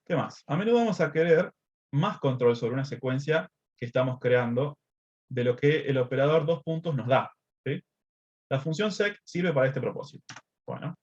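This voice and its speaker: A man's voice: medium pitch, lively intonation, normal speed, darkish tone. A man teaching a screen-recorded coding lesson step by step, often asking "¿sí?" and filling gaps with "este". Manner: explains step by step, checks in with "¿sí?" and "este". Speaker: math teacher. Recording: slightly dull lo-fi audio.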